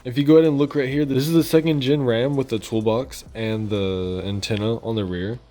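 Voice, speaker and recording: With a brisk, steady delivery and a dark-toned, mid-range voice, a man covers gaming news in a casual, rambling, colloquial style. It's a voice-over on gameplay footage, and music plays underneath.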